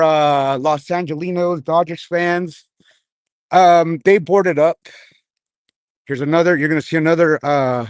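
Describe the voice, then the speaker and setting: A man's voice: a little high, no echo. A man reporting live on the street as an independent journalist, rambling informally, his speech slurred by missing front teeth. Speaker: independent journalist, livestream host. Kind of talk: live street commentary and casual interviewing. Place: outdoors on a city street at night.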